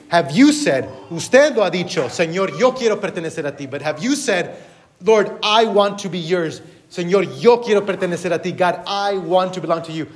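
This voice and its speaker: Male pastor, bilingual sermon delivery, slow and deliberate, pitched a bit high, earnest with rising emphasis. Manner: switches between English and Spanish line by line, earnest, lively rises on key words. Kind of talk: bilingual sermon, preaching and translating himself.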